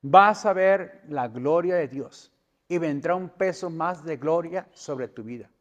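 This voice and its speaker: Pastor man, booming echo. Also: slow. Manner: preaching with rising emphasis and questions to the congregation. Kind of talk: sermon. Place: church hall. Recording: long church hall reverb.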